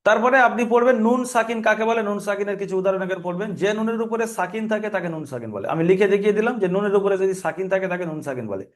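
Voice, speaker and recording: A man's voice: sits high, fast, hardly any pauses. A male teacher with a Bengali accent giving a recorded reading lesson, patiently spelling out letters and repeating drills.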